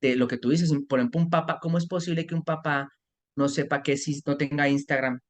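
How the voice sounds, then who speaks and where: A man's voice: on the high side, fairly quick. A man in his forties with a Colombian Spanish accent, talking casually on a podcast as a parenting mentor, telling stories with many restarts. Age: 40s. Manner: talkative, animated storytelling with restarts.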